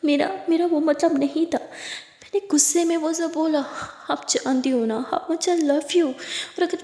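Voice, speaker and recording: A woman's voice: high voice, unhurried, dark tone. A woman doing a tearful, pleading young woman. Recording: echoey room with long reverb.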